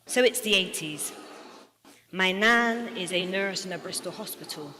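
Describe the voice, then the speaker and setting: A woman's voice: medium pitch, unhurried, sharp tone. Earnest woman giving a speech. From United Kingdom. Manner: earnest, rhetorical, with a repeated refrain. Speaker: assistant principal giving a talk. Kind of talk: personal storytelling speech.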